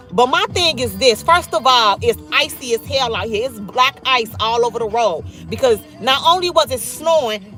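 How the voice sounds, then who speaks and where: Behind the wheel and livestreaming, this vlogger in her thirties reads out viewer comments and talks with blunt profanity in a Chicago accent. She has a high, bright voice and a forceful tone.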